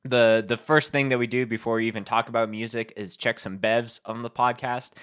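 A man in his thirties hosting a podcast in casual, halting chat with many fillers, speaking into a close microphone. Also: mid-range voice, steady tone, fairly bright tone, clear, resonant tone. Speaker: podcast host. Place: indoor room at home, on a video call. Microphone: microphone on a boom arm, headset.

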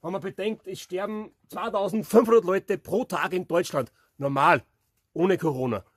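A man's voice: high-pitched, moderate pace, slightly rough, dry recording, studio quality. A man in his thirties with a Bavarian accent, chatting and giving his opinions to a handheld camera as he walks a rocky forest trail in winter. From Lower Bavaria, Germany. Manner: chatty, opinionated, talks to camera while hiking. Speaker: vlogger, hiking channel host. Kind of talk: casual outdoor chat to camera. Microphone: handheld camera at arm's length.

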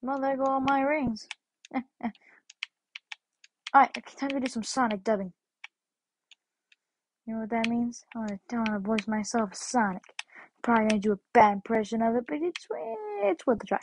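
A woman's voice: on the high side, normal speed, long pauses, a little hiss or hum. A woman giving casual, goofy gameplay commentary, talking to herself as she plays. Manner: playful, goofy, talks to herself. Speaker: gameplay streamer.

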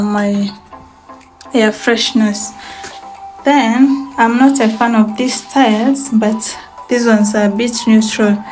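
A young Kenyan vlogger gives a chatty tour of her small apartment's bathroom and bedsitter, filming indoors on a handheld phone and mixing in Swahili phrases. Her voice is on the high side and a little mellow, and the recording is low quality.

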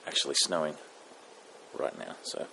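A man vlogging casually outdoors in a snowy front yard, talking in an easygoing, halting way with pauses. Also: extremely low pitch, very animated, vocal fry, pushed and bright, a little hiss or hum, low-quality recording. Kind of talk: casual chat to camera.

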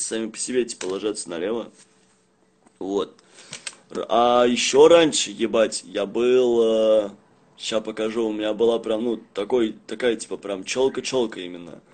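A young man chatting casually on a livestream in rough, swear-heavy street slang, rambling and halting as he goes. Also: on the low side, darkish tone. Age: young adult. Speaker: live streamer. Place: small indoor room at home. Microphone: phone at arm's length.

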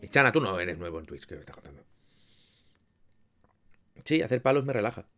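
A young man from chatting casually with viewers on a live stream, rambling with lots of restarts and sudden loud bursts. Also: lowish voice, sing-song, a little fast, faint music behind.

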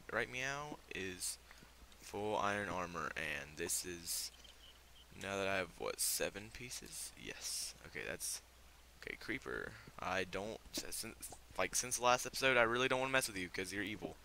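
A teenage boy who is sick with a fever rambles through casual commentary on the game he's playing, full of filler words and startled reactions. His voice sits on the low side, gravelly and sharp, expressive and unhurried, with a little hiss or hum in the background.

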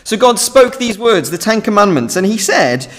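A man's voice: sits high, very animated, moderate pace. A young British man preaching an earnest, emphatic sermon from a lectern in a large church hall. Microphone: standing at a lectern, lectern mic. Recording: reverberant hall.

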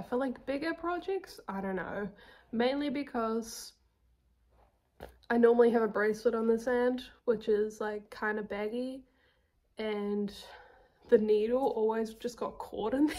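A young woman with a southern New Zealand accent, chatting casually about her knitting projects, self-deprecating and quick to laugh. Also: on the high side. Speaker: knitting podcast host.

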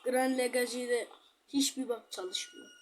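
Excitable high-voiced woman narrating gameplay. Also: measured pace, a little hiss or hum. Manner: chatty, excitable, talks straight to viewers. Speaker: gaming channel host. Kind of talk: casual gameplay commentary.

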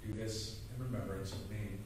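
Male pastor saying prayers slow and solemn in a big echoey church, far from mic, noisy. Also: on the low side, fairly even intonation. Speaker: pastor leading worship. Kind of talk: liturgical prayer and communion service. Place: large church sanctuary, indoors.

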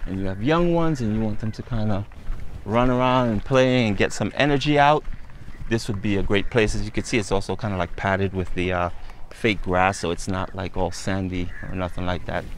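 A man vlogging outdoors as he walks, pointing out sights in a relaxed, conversational way. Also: on the low side, moderate pace, a little hiss or hum. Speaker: travel vlogger. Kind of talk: casual walking tour narration. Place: outdoors on a hot island street.

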